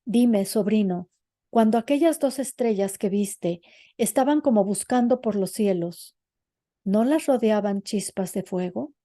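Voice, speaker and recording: A woman voicing an elderly female seer who talks with urgent, hushed certainty. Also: mid-range voice, measured pace, dry recording, clean studio sound, close to an everyday voice. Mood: solemn.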